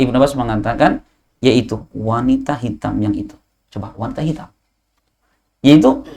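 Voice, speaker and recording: A man's voice: mid-range voice, creaky, darkish tone. A man giving an Islamic study lecture, telling stories with Arabic quotes and asking the audience questions. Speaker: preacher.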